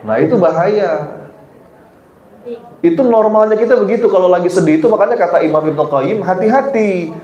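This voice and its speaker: Male preacher, conversational sermon, keeps asking the women listening questions, mellow tone, roomy hall. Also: high-pitched, lively intonation, muffled recording. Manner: often turns to the women listening and asks them questions; soft and slow in reflective passages. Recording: roomy hall with faint ambience.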